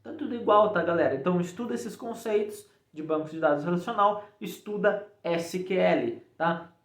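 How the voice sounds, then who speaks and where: Speaking at a moderate pace in a high-pitched voice, a Brazilian-accented man walks his viewers through a coding topic informally. He keeps tossing in brief check-in tags, and his untreated room gives off an echo.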